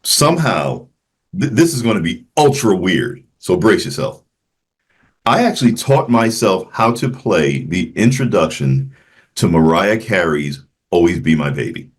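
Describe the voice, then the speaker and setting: Low-voiced man, halting and thoughtful. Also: sing-song, breathy edge. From Memphis, Tennessee. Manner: reflective, halting with frequent restarts. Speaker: jazz flutist guest. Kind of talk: casual interview conversation.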